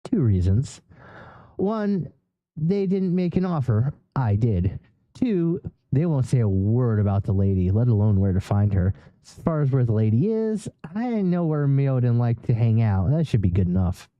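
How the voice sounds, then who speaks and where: A man's voice: mid-range voice, sing-song, moderate pace, dark tone, no echo, muffled recording, natural voice. A man voicing a reckless male trapper who answers curtly and offhandedly. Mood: blunt. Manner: curt, offhand. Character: reckless male trapper, blunt and self-assured.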